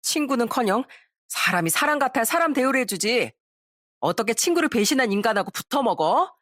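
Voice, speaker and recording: A woman's voice: fairly high pitch, very animated, brisk, fairly bright tone, no room sound, studio quality, voice pushed up. A woman voicing an angry, loyal young female friend who scolds indignantly.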